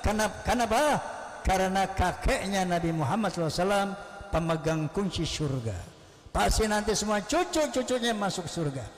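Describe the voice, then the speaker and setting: Old preacher guy in his 70s, high voice, chants the arabic bits, big echoey mosque hall. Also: brisk. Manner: lively preaching, rising into chanted Arabic recitation. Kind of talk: sermon. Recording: roomy hall with long echo.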